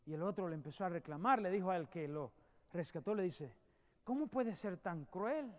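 A man preaching a sermon as a pastor, swinging from loud emphatic peaks to hushed storytelling. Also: sits high, animated, normal speed. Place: church sanctuary.

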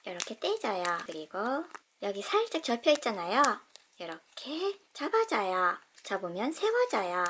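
This toy unboxing host has a medium-pitched, somewhat bright voice and speaks unhurriedly in a sing-song style. She narrates for children, exclaiming with delight and explaining every step simply, with slight background noise.

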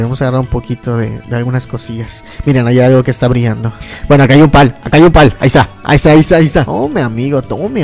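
A man giving casual, excitable gameplay commentary, often yelping and laughing at the game. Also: mid-range voice. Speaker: gaming YouTuber.

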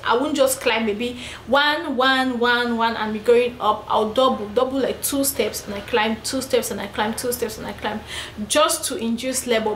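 Pregnant woman venting to her camera, pretty high-pitched, lots of room echo. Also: fairly bright tone, slight background noise. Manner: venting, repetitive, emphatic. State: heavily pregnant. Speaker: vlogger. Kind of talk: personal vlog, talking to camera. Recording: echoey room with faint ambience.

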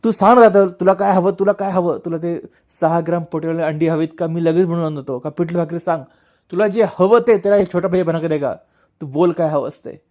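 A man's voice: fairly quick, a little mellow, natural voice. A man voicing a tearful pleading younger brother. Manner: pleading, voice rising high. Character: grieving young man begging his brother.

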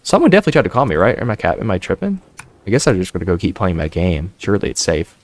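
A man's voice: deep voice, animated, rapid-fire, no room sound. Jittery, swearing man streaming a horror game. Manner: scared, jittery horror-game reactions, repeating phrases; heavily profane, slangy. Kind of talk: horror game let's play commentary.

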